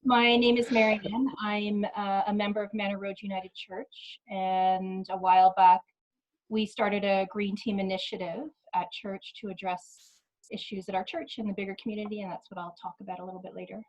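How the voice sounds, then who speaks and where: A woman speaking quickly on a video call, with self-deprecating humor. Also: mid-range voice, level tone, lo-fi sound.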